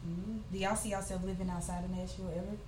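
Fast-talking woman in a roomy, noisy space. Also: fairly low pitch, a loud crowd. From Tennessee, US. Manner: animated, quick, full of likes and fillers. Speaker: interviewer and guest. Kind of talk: casual group chat. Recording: roomy, distant, noisy ambience.

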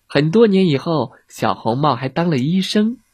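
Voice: medium pitch, animated, moderate pace, darkish tone, slightly rough, no echo. A playful storyteller narrating a children's story and speaking directly to the kids.

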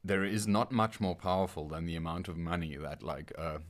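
A man's voice: deep voice, fairly even intonation, fairly quick. A man co-hosting a podcast, brainstorming a story in casual chat, rambling and often restarting his sentences. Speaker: podcast co-host.

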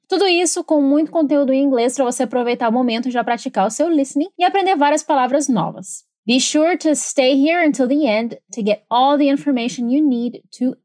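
A woman hosting a bilingual English lesson, reading English lines slowly and clearly and explaining them in quick Portuguese. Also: sits high, darkish tone, no room sound, clean studio sound. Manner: switches between slow careful English and fast Portuguese. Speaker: English teacher and podcast host.

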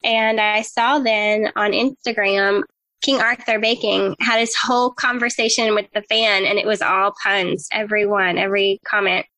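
A woman's voice: mid-range voice, steady tone, normal speed, pushed and bright, no echo, rough recording. A woman in her thirties from Eastern North Carolina with a Southern accent, co-hosting a podcast in cheerful, giggly casual chat. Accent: Southern American. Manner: giggly, cheerful, laughs often. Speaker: podcast co-host.

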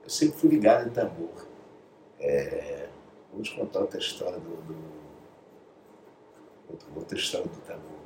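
Animated Brazilian man telling stories. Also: sits low, normal speed, pauses often. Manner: animated storyteller, acts out quotes, drops to whispers. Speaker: guest. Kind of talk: casual anecdote telling. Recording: echoey room, distant mic, faint noise.

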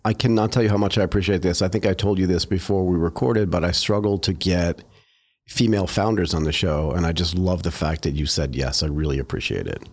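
A podcast host with a low voice talks a little fast in a casual interview with a guest. He's chatty and enthusiastic, and he laughs easily.

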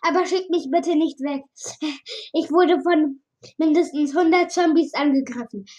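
A woman's voice: sits high, a little slow, darkish tone. A woman voicing a frightened young male stranger who pleads in a stumbling, breathless way while reading a storybook aloud. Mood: pleading.

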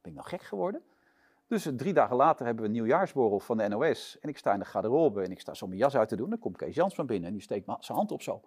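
A man being interviewed, telling a long anecdote in a lively way and acting out the shouts and lines of the people in it. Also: mid-range voice, very fast, few pauses, breathy edge. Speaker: interview guest, sports presenter.

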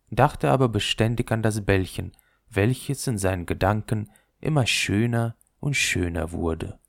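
A man narrating a fairy tale, reading in an expressive storytelling manner. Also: gravelly, dry recording, clean studio sound. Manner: expressive storytelling with lively pitch.

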